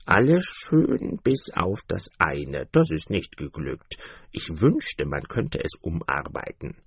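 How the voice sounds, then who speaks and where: A man voicing a haughty, grand old female duck in a storybook reading, slow, low and condescending, on a dull, dry recording. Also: wildly swooping pitch, slightly rough, no room sound, full character voice.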